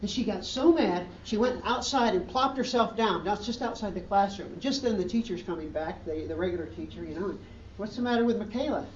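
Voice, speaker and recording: A man's voice: high-pitched, a little fast, hardly any pauses, dull audio, slight background noise. A man preaching a sermon as pastor, in an earnest way, with emphatic rising questions, recorded from a distance in a church hall.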